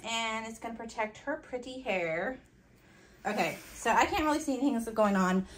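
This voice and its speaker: A woman's voice: fairly high pitch, animated, normal speed, slight background noise. A young woman chatting casually while doing her friend's makeup, laughing often with plenty of ums. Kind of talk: casual chat.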